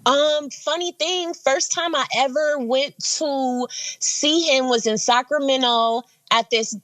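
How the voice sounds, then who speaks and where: A woman rapper talking as a guest, telling animated stories in loose slang and swearing freely. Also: high-pitched, slow pace. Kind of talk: casual storytelling chat.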